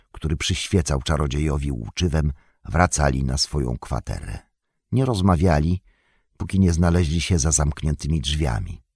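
Deep slow male audiobook narrator. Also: breathy edge, no room sound, studio quality. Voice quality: calm, even storytelling. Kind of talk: audiobook reading.

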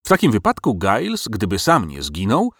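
A man narrating a storybook in an expressive, measured way. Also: on the low side, husky, no echo, studio quality.

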